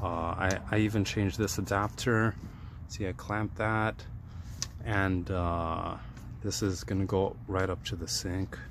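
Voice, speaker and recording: Recorded first-person on a handheld phone, a low-voiced DIY repair vlogger slowly talks through a plumbing fix in the cramped space under an indoor sink. His casual, hands-on explanation is full of ums and uhs over steady background noise.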